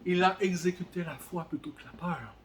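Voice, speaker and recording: High-voiced man preaching fervently. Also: moderate pace. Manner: fervent preaching, exhorting the listener directly. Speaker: pastor. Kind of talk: sermon. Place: church room, alone, filming himself. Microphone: camera on a stand.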